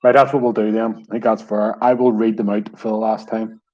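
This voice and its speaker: A man's voice: fairly low pitch, little pitch movement, fairly quick, highs cut off. A man hosting an online pub quiz in a wry, self-deprecating way.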